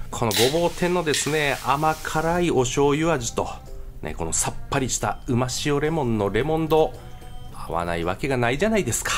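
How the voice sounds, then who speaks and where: A man with a Kansai accent narrating his travel vlog in a jokey way, mixing formal phrasing with dialect. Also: lowish voice. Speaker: travel vlogger.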